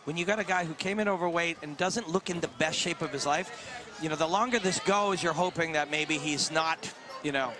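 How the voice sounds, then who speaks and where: A man's voice: on the high side, a little fast. A man doing play-by-play commentary on a fight, explaining technique and strategy. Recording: commentary over crowd and music.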